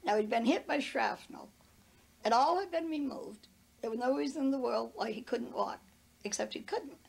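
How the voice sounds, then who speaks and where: An older woman with a New England accent recounts events in an interview, earnest and anecdotal. Her voice is high, gravelly and breathy. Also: moderate pace. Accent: New England American. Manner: earnest, anecdotal, quotes others in retelling. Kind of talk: casual storytelling in an interview.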